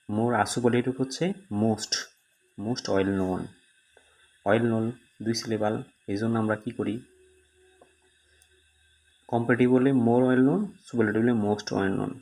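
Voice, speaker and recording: A man's voice: medium pitch, a little mellow. Man teaching grammar, repeating every rule. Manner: repeats each rule slowly, with frequent "uh" fillers. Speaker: English teacher. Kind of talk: explaining grammar to students.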